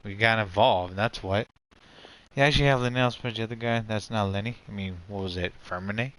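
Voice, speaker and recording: Man, low voice, game streamer, casual live commentary, rambling, slangy. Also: brisk, fairly bright tone, rough recording. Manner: rambling, slangy, repeats "pretty much".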